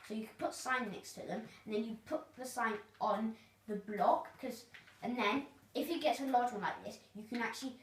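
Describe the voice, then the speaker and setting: A woman's voice: a little high, a little fast. A woman casually narrating a tour of her video game world, rambling and hesitant with lots of fillers. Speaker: gamer giving a tour of their world. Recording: roomy, distant mic, faint noise.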